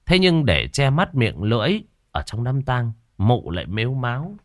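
A man narrating a horror story in a dramatic, expressive way. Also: medium pitch, normal speed, no echo, studio quality.

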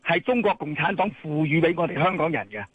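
A Hong Kong Cantonese man calls in to a radio show, agitated and pressing one rhetorical question after another. His voice is high and husky, and it comes through a tinny phone line. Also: expressive, fast, no echo. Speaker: caller.

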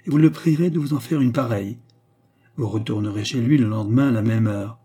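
A man voicing a polite young gentleman rogue who speaks in a deferential, composed way. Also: medium pitch, a little fast, husky, close to an everyday voice. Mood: instructing.

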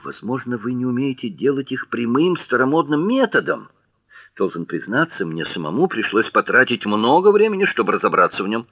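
Man doing an earnest, naive young gentleman in a storybook reading, lively pitch swings. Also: fairly quick, lo-fi sound. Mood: curious.

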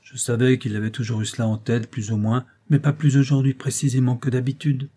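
A man's voice: medium pitch, little pitch movement, brisk, warm tone, slightly rough, lightly acted. A man voicing a whining, self-pitying old grandfather in an audiobook, complaining and ingratiating.

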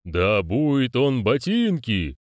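A male reader voicing a solemn ceremony master who speaks slowly and commands. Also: medium pitch, wildly swooping pitch, no echo, pitched above the performer's own voice. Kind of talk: audiobook character voicing.

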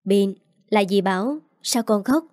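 A woman voicing a caring, protective young aunt who speaks gently but firmly. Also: medium pitch, lively intonation, unhurried, no echo, studio quality, lightly acted. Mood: tender.

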